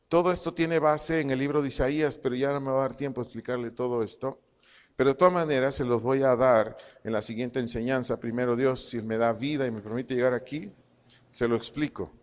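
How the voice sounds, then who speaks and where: A man preaching a sermon to his congregation, slow and emphatic, repeating his phrases and dictating punctuation as he teaches. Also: medium pitch, in a large hall. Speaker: pastor. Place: church congregation hall.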